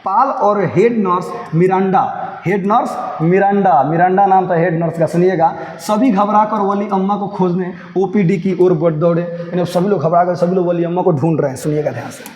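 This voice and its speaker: A male teacher with a high voice walks students through a story line by line. He repeats key phrases, checks that they follow, and calls them "babu". His voice rings in a large hall with a long reverb over faint noise. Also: moderate pace, darkish tone. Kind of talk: line-by-line lesson explanation.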